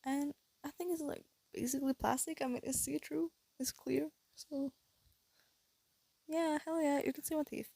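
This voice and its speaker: In her casual vlog, a teenage girl speaks close to her phone with a high, warm, breathy voice, stuffy-nosed and slightly lisping from her retainers. She rambles hesitantly, restarting and using lots of fillers as she thinks aloud. Her intonation is fairly even and her speed normal, with no room sound.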